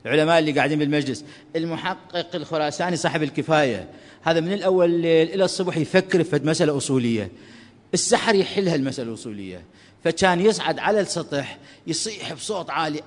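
A man preaching a religious sermon to a gathering, fervent and swinging from loud exhortation to soft asides. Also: a little high, long reverb tail. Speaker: cleric preacher.

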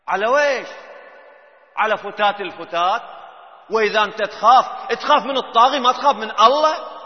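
A high-pitched man delivers a sermon, moving between quiet, low passages and forceful, emphatic bursts. His voice carries a long hall reverb. The sound is dull and muffled, with the top end rolled off. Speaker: preacher.

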